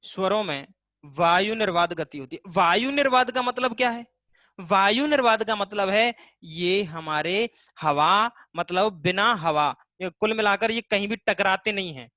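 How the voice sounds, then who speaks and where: Bright-voiced male Hindi teacher. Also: sits high, animated, a little slow, dry recording. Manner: explains step by step, often asking students questions; stretches vowel sounds to demonstrate them. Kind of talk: live online class lecture.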